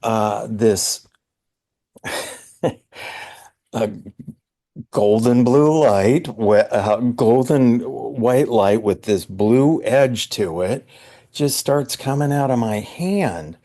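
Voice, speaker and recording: A psychologist appearing as a podcast guest, a man with a mellow, medium-pitched voice, earnestly recounts a personal spiritual experience. He often halts, searching for the right words.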